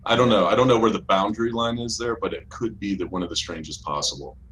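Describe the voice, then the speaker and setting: A laid-back blue alien co-host, played by a man who stalls and hedges as he talks. His voice sits very deep. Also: quick pace, a bit bright, natural voice, poor audio. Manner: hesitant, laid-back, many fillers. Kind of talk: comedic podcast talk.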